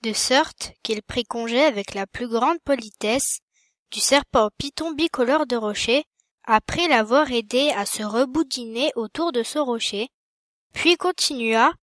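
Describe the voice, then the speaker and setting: A woman's voice: on the high side, no room sound. Woman reading a children's tale. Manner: measured, expressive reading. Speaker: storyteller.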